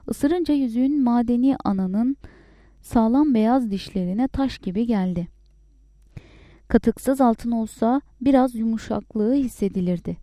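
A woman narrating a story in a calm, measured reading voice. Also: a little high, no room sound, studio quality.

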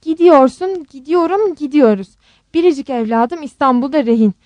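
A woman voicing a panicked middle-aged mother who sobs and scolds in a shrill voice. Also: expressive, normal speed, dry recording, muffled recording. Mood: defiant.

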